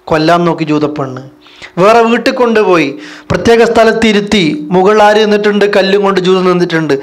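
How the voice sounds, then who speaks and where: A man's voice: high voice, fast. A man giving a religious lecture as a preacher, asking rhetorical questions and answering them himself. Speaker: Islamic preacher.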